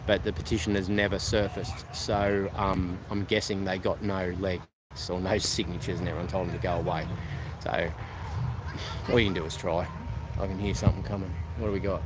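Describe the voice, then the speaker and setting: A low-voiced Australian man chats to his live-stream viewers outdoors, rambling and relaxed, full of ums and false starts. The phone audio picks up clear outdoor noise behind him. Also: moderate pace. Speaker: live-streaming car enthusiast. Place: outdoor car show.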